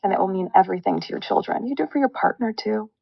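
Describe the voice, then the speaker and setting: A woman's voice: medium pitch, very fast, gravelly, no room sound, dull audio. A woman talking as a podcast guest in a heartfelt, reflective way. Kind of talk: casual podcast chat.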